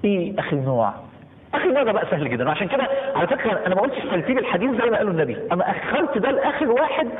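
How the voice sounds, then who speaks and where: A man's voice: sits high, very fast. A man with an Egyptian Arabic accent preaching a live sermon and keeping the audience engaged with frequent questions to the crowd. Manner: animated, keeps asking the crowd questions. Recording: tinny phone-like sound with long hall reverb.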